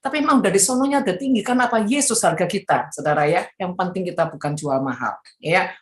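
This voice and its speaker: A woman evangelist preaching a sermon in a lively, animated way, often mocking the people she quotes with playful asides. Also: on the low side, quick pace. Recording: echoey room.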